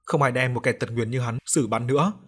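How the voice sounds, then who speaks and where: A man giving steady scripted narration of a ghost story. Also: medium pitch, a little fast, husky.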